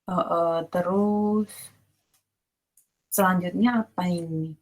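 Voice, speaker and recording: A woman's voice: fairly low pitch, steady tone, slow pace, darkish tone. Woman lecturing casually in an online class. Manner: explains casually, checks if students understand; mixes English terms into her speech. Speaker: university lecturer.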